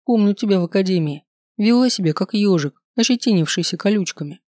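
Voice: medium pitch, expressive, a little fast, a little mellow, no room sound, studio quality, lightly acted. A reader voicing a teasing young brother. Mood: amused. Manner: joking, mocking.

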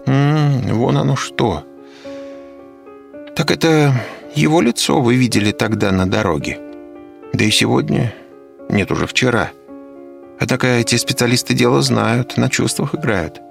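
A man with a deep, creaky voice playing a stern professor who gives brisk, authoritative orders in an audiobook. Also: soft background music. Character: stern commanding middle-aged male professor.

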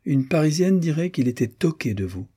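A man's voice: on the high side, big pitch swings, fairly quick, warm tone, husky, voice pushed up. A man voicing a chatty, teasing young American society woman in an audiobook, playful and lightly mocking. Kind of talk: audiobook character voice.

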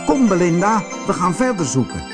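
A man voicing a brave, eager young boy in a raised, excited voice. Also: a little high, measured pace, music in the background, pitched above the performer's own voice.

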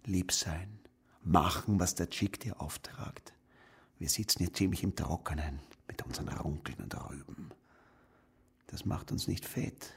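A man's voice: deep voice, unhurried, husky, full character voice. An actor playing a coarse, domineering male procurer, in a radio drama. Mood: wheedling. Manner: wheedling then barking, domineering.

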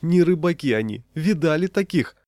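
A man voicing a street seller of fishing bait who cries out in anguish and breaks into high, strained outbursts. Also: animated, moderate pace, dry recording, studio quality.

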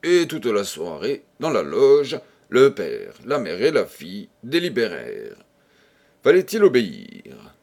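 A man reading a novel aloud as an audiobook narrator, expressive and deliberate. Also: on the low side, vocal fry. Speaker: audiobook reader.

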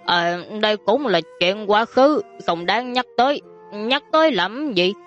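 A woman's voice: mid-range voice, lively intonation, measured pace, highs cut off, faint music behind, lightly acted. A woman doing a grumpy older prince. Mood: polite.

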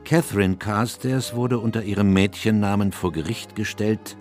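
Speaking at an ordinary pace in a steady, slightly mellow, low-leaning voice close to everyday speech, an actor portrays the elderly English doctor Watson in a literary radio drama. Weary and melancholy, he gravely and reflectively recounts his memoirs of his friend's cases. Soft music plays behind him.

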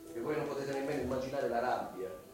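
Playing a scheming, lecherous, middle-aged widowed landowner in Italian radio drama, this actor sounds sly and insistent as he insinuates and justifies himself theatrically, with pauses and hushed words. His natural male voice is medium-pitched, heard distantly over music in a very echoey recording.

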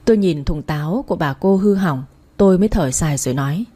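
A woman narrating a first-person story aloud, in a brisk, plain storytelling manner. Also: lowish voice, lively intonation, warm tone.

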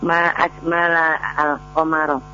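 A woman calls in to a radio lesson and recites her answers slowly, stopping and restarting. Her voice is bright and held to a flat tone. The line is dull and carries a faint hum. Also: low-pitched. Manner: reads answers slowly, halting. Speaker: caller, student.

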